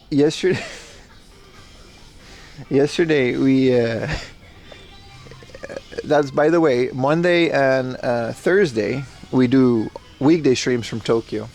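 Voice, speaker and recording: Filming on a handheld phone, a young male streamer browses a secondhand shop in a casual IRL livestream, chatting excitedly and thanking viewers. His voice is mid-range.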